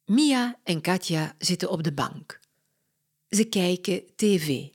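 A woman reading a simple story aloud slowly and clearly, as a narrator. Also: fairly low pitch, expressive. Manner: very slow, clear, deliberate. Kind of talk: slow storybook reading for learners.

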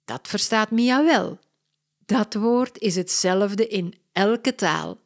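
A woman reading a simple story aloud slowly and clearly, as a narrator. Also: mid-range voice. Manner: very slow, clear, deliberate. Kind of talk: slow storybook reading for learners.

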